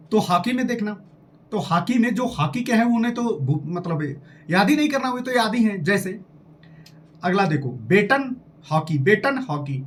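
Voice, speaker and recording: Male exam tutor, high, very lively pitch, quizzing and drilling. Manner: animated, quizzing listeners directly, repeating items. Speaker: exam coaching teacher. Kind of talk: lively exam-prep lesson with memory tricks.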